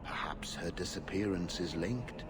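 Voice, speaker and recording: In this video game dialogue, a male actor plays a weary, aging templar knight in middle age, formal and discouraged. His delivery is earnest and measured in a lower register, with clear noise in the background.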